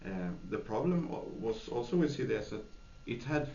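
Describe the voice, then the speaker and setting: A warm, gravelly, medium-pitched voice belongs to a Swedish software developer who speaks briskly and expressively while giving thoughtful interview answers. Still, he's hesitant, with frequent fillers and restarts. The audio is dull and lo-fi, recorded in an echoey room with faint noise.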